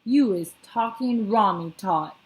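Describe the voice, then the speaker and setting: A gentle, good-hearted giant who coaxes and pleads in an eager, lifted voice, as a woman reading aloud puts him on. His grammar comes out charmingly jumbled, a timid soul growing brave in a storybook. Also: takes it slowly, natural voice, rough recording. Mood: anxious, coaxing. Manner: higher, eager, mangled grammar. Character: big kindly male giant, timid but clever.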